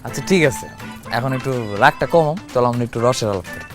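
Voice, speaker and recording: A man's voice: mid-range voice, animated, quick pace, over music, close to an everyday voice. A man playing a cheeky young village nephew. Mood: pleading.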